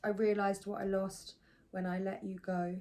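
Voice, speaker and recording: A woman giving a spiritual tarot card reading in a slow, soothing way, sometimes dropping into soft asides. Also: mid-range voice, flat delivery, a little hiss or hum, low-quality recording.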